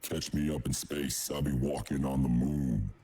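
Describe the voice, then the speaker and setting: A very low, dark vocal sample, recorded by a man, pitched down with the formants pushed up so it rasps like vocal fry. It sits as a chopped loop inside a trap beat. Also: steady tone, moderate pace. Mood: chanting. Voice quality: gravelly, fry-like texture. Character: deep processed vocal sample of a man rapping. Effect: pitched down, formants shifted up.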